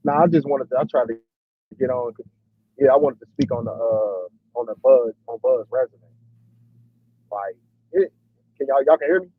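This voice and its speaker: A man's voice: mid-range voice, moderate pace, long pauses, slightly rough, no room sound. A man calling in to a casual sports debate over choppy, breaking-up call audio, rambling and leaning on fillers. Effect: breaking-up online call audio. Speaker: panelist calling in. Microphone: remote call mic. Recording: muffled, dry call line.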